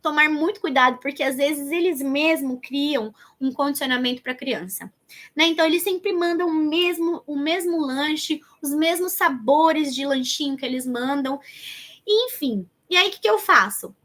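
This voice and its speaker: A woman's voice: high voice, normal speed, a bit bright. A Brazilian woman teaching an online lesson in a conversational way, addressing viewers directly and thinking aloud as she goes. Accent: Brazilian Portuguese. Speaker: educator teaching child development planning.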